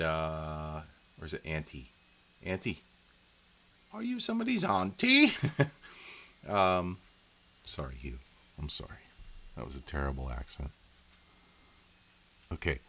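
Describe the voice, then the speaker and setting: A man's voice: very deep voice, a bit bright. A man hosting a casual live stream from home, rambling in a folksy way as he talks to his viewers.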